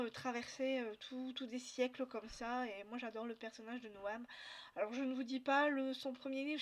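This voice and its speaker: Chatty woman with many fillers. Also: a little high. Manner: hesitant, many fillers and restarts. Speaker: book vlogger. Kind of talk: casual book haul chat.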